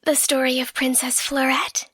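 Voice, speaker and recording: A woman plays an affectionate catgirl girlfriend soothing her partner to sleep in an ASMR bedtime roleplay with slow storybook reading. Her high, level voice is soft, breathy and often whispered, tender, unhurried and reassuring. It's a close-mic, studio-quality recording with no echo and soft music behind.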